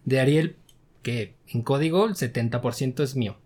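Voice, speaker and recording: A man's voice: mid-range voice, normal speed, husky. A man with a Mexican Spanish accent, a game developer talking casually and laughing easily in an interview. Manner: relaxed, chatty, frequent fillers and laughs.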